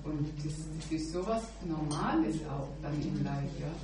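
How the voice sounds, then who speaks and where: Her voice is low-pitched, animated and mellow, at a moderate pace, as she shares earnestly in informal devotional talk at a church meeting, often dropping in an affirming "ja". The recording comes from an echoey room mic far away, with background noise.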